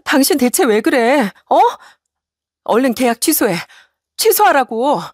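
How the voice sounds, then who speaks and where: Lady putting on a panicky wife voice, high and shrill, begging and desperate, dry close sound. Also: expressive, measured pace, no room sound. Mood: frantic, indignant. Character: frantic pleading young wife. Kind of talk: story radio reading.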